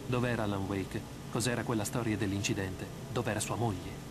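A voice actor narrating as a brooding writer in a video game, in a measured, grave manner. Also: male voice, on the low side, steady tone, roomy sound, noisy background, natural voice. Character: brooding male writer narrating his own ordeal. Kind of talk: scripted narration.

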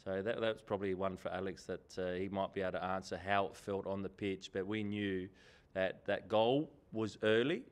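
A man, answering press conference questions as a head coach in an animated way, often repeating key phrases for emphasis, at a table microphone in an indoor press room. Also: sits low, moderate pace. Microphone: table microphone in front.

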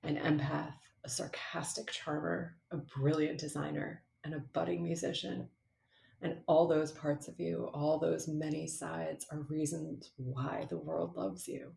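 Man, very gravelly mellow voice, tender and measured, roomy echo. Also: fairly high pitch, flat delivery. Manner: measured, tender, formal address. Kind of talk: heartfelt birthday video message. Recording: echoey room.

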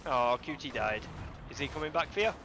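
Animated man streaming a game with outbursts. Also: mid-range voice, a crowd in the background, rough recording. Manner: expressive, quick outbursts at the game, laughs. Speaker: streamer and channel host. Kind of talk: casual gaming chat. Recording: game music playing behind.

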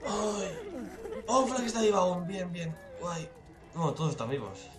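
A man reacting casually, his voice sitting a bit high and swinging widely as he swears and mocks. He is recorded in an echoey room with music clearly playing underneath. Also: big pitch swings, unhurried. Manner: swearing, mocking, bursts into shouts. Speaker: video reactor.

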